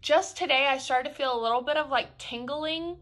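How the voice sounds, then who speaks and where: A woman's voice: sits high, normal speed, fairly bright tone. A woman in her twenties chatting casually in a vlog update, full of fillers and restarts, talking with a finger on her lips. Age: 20s. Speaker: vlogger.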